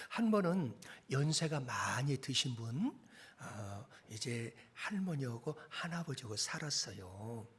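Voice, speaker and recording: A man with a Jeolla accent preaching a humorous sermon to a congregation, joking and then shouting. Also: a little high, slightly rough. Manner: animated, joking, swings to shouting. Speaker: guest preacher at evangelism seminar. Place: church hall with congregation.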